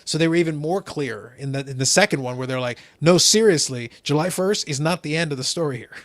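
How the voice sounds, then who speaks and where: A non-native English speaker hosts a laid-back hobby podcast, his pitch a touch above typical for a man. Speaking a little fast and with animation, he often repeats a phrase as he gets going. The sound is close and dry, with no room sound.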